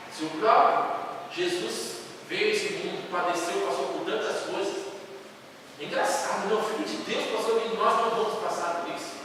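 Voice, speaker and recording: A man's voice: high-pitched, pushed and bright, a little hiss or hum. A Brazilian man from São Paulo preaching a sermon as pastor, with emphatic delivery and many rhetorical questions to the congregation. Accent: Brazilian Portuguese, São Paulo. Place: church sanctuary. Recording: echoey hall, distant mic.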